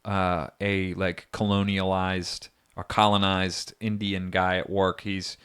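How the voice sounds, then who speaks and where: Low-voiced man in rambling podcast chat. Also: little pitch movement, slow, a bit bright, clean tone. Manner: earnest, rambling and argumentative, laughs often. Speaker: podcast co-host. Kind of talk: casual chat.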